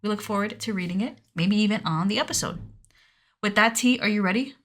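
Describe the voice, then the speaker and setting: Chatty woman with a bright voice. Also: mid-range voice, a little fast. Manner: friendly, chatty, reads listener email info. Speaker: podcast co-host. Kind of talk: casual chat.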